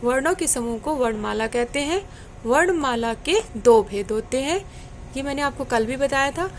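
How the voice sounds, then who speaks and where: High-voiced patient woman teacher. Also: lively intonation, slight background noise. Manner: slow, patient, repeats and quizzes the pupils. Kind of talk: online Hindi grammar lesson for children.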